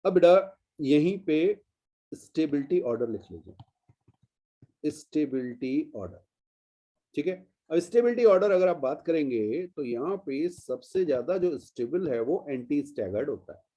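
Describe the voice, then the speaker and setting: A man's voice: fairly high pitch, expressive, a little slow, warm tone. A man from India teaching a chemistry class, explaining step by step in a patient way and drawing out key terms as he goes. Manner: patient, step-by-step explaining, addresses students as "beta". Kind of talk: classroom lecture.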